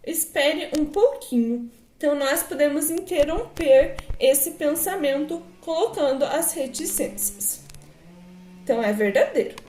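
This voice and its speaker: Brazilian lady teacher going over homework, patient, lots of tag questions, high voice. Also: lively intonation, a little slow, warm tone, roomy sound. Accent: Brazilian Portuguese. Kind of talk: explaining homework exercises.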